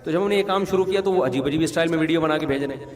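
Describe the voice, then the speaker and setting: A man, a mufti answering questions in a conversational religious talk, mixing rulings with humorous anecdotes and checking that listeners follow. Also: on the high side. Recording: long hall reverb.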